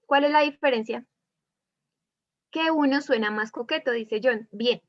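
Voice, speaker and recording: A woman with a Colombian accent teaching a class online. Her voice sits fairly high as she keeps putting questions to her students and acts out different tones. The audio is dull, dry and lo-fi, like a video call. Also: a little slow, dry recording. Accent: Colombian Spanish. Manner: asks students many questions, demonstrates tones of voice.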